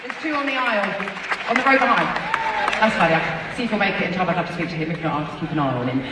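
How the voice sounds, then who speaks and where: A woman's voice: fairly low pitch, racing, noisy background. A woman singer bantering with her audience on stage, chatty, cheeky and often giggling. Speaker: singer performing a concert. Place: large indoor concert venue. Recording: distant echoey arena recording, loud crowd.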